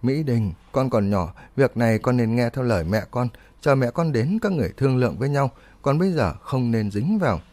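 Man doing anxious dad voice, pleading, warm low tone. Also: lively intonation, fairly quick, no echo, close to an everyday voice. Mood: worried. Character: anxious, doting middle-aged father.

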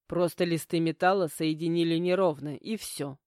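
A woman doing a stern, calm young male mentor. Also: low-pitched, moderate pace, dry recording, clean studio sound, lightly acted.

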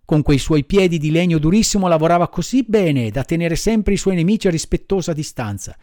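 A man's voice: on the high side, lively intonation, fairly quick, dark tone, dry recording, clean studio sound. A man reading a children's classic aloud, telling the story expressively. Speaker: audiobook reader. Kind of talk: storybook narration.

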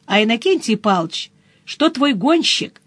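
A woman narrating a first-person audiobook in a brisk storytelling manner, with short dips into other characters' voices. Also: a little high, very animated, no echo.

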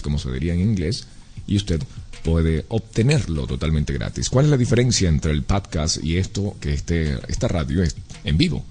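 A man's voice: sits low, darkish tone. A man hosting a live radio show, reading an ad and repeating addresses and phone numbers, slipping into English at times. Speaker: radio host. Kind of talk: live radio talk with ad reads.

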